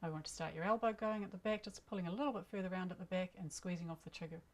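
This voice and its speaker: A woman coaching archery in plain, measured step-by-step instructions. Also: on the low side.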